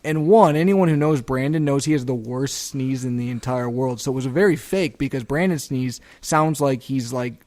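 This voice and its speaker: A man's voice: mid-range voice, normal speed, hardly any pauses, a little mellow. A man co-hosting a casual podcast, upbeat, laughing often and restarting his words. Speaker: podcast co-host.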